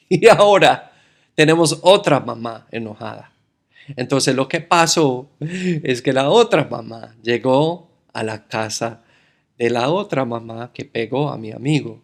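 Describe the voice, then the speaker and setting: A man's voice: medium pitch, creaky. A man from the United States preaching a sermon, addressing the congregation as brothers and telling a story from his childhood.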